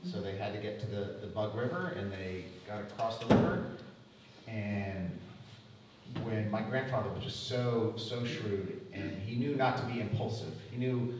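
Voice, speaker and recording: A middle-aged man retelling family history at a public talk, halting and repeating words as he goes. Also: lowish voice, steady tone, noisy background. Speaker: lecture speaker. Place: museum lecture room. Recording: echoey hall from far off.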